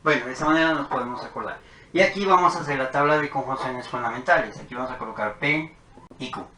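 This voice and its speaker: Bright-voiced man teaching logic, echoey room. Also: medium pitch, fast talker. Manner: methodical, talks while writing tables. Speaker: math teacher. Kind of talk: whiteboard logic lesson. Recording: echoey room with faint noise.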